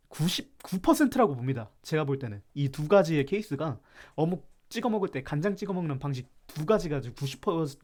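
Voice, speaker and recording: With a fairly high pitch and a darkish tone, a man from South Korea's Chungcheong region runs a live stream. He reacts to chat as he rants about food in a mock-serious, playful manner.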